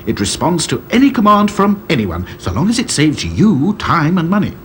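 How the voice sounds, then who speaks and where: A man voicing an eager, boastful old male inventor who talks in a bubbly, excitable way. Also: a little high, moderate pace, a little hiss or hum, pitched above the performer's own voice.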